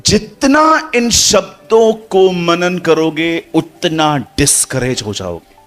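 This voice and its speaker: A man's voice: fairly high pitch, takes it slowly, soft background music. A man preaching a sermon to a congregation, acting out little dialogues and putting questions to the crowd. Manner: lively, acts out dialogue, addresses congregation.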